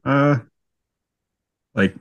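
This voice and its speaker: A podcast guest from southern Saskatchewan, Canada, tells stories casually with a Canadian accent, easygoing and self-deprecating. He draws out his words in a fairly bright tone.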